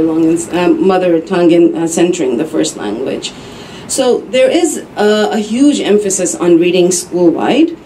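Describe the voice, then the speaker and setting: A woman giving a measured, explanatory talk as a speaker at an academic roundtable. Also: medium pitch, mellow, a little hiss or hum, rough recording. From United States. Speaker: panel speaker.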